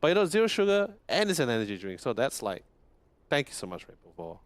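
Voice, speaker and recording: Chatty young man with a lively voice. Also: medium pitch, quick pace, dry recording. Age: young adult. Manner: laughs often, animated and chatty. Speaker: esports caster. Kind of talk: casual caster banter.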